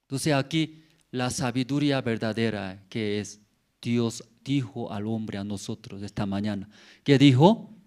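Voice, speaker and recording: Pastor, middle-aged man, Korean accent, slow deliberate sermon, simple phrasing, rhetorical tags. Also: medium pitch, darkish tone. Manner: simple broken Spanish, rhetorical questions with "mm?" tags.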